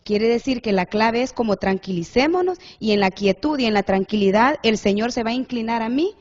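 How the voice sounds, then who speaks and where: Woman calmly retelling a Bible story. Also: a little high. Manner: measured, storytelling retelling of scripture. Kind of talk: Bible-based reflection. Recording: slightly muffled lo-fi recording.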